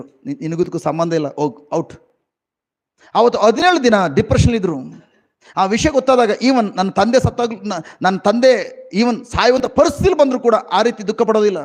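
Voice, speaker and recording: A middle-aged Indian man preaches in a Kannada-accented voice that sits high for a man. His delivery is emotional, rising into loud exclamations and then sinking into quiet, reflective asides. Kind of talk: sermon.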